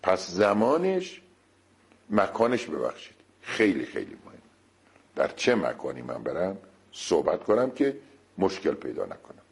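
A man's voice: gravelly, long pauses, breathy edge. A man giving a talk on negotiation, speaking straight to his listeners and turning to them often. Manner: lively, shifting pitch, speaks directly to listeners. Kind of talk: lecture-style talk.

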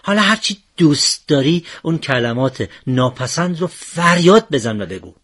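A man's voice: on the high side, very animated, a bit bright. A man voicing a patient father teaching his son a life lesson in a told story. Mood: calm teaching. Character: wise patient father, calm middle-aged man.

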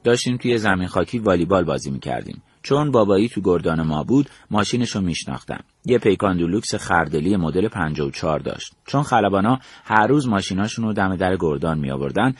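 A man's voice: deep voice, lively intonation, hardly any pauses, slightly rough, no echo. An older man from Iran recounting his memories as a storyteller, acting out the dialogue he quotes. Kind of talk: spoken memoir narration.

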